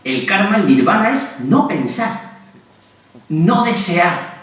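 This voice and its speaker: Man, doctor lecturing, animated and humorous, fairly high voice, echoey auditorium. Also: slow pace. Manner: animated, humorous, acts out quotes. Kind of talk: lively public lecture. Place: hospital auditorium. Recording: echoey hall from a distance.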